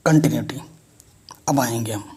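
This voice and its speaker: Husky-voiced man teaching math. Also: medium pitch, moderate pace, a little mellow. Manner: explains step by step, keeps checking in with students. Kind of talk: whiteboard math lesson.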